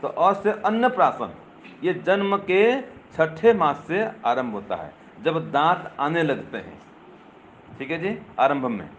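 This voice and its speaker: Older male preacher, lively and questioning, slightly muffled recording with faint ambience. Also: a little high, slow, a little hiss or hum. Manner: lively teaching tone, checks with rhetorical questions; addresses listeners directly, teasing. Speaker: swami. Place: gathering with a live audience.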